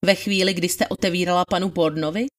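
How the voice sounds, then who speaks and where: Woman doing a formal male lawyer grilling a witness, slow careful questions, a bit lower voice. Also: steady tone, close to an everyday voice. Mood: probing. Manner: measured, probing, formal. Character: stern male courtroom attorney, methodical questioner. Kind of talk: dramatized trial testimony reading.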